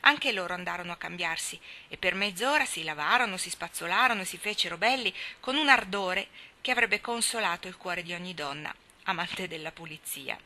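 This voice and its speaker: A woman reading a classic novel aloud in a measured storytelling way. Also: lowish voice, lively intonation, pushed and bright. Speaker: reader. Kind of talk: audiobook narration of a classic novel.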